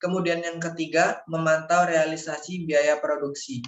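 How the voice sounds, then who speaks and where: This university student, a young man, reads aloud from a scripted slide deck in a formal way, occasionally tripping on his words. His pitch is fairly high and barely moves, his speed is normal, and faint background noise mixes with a dull lo-fi mic in an echoey space.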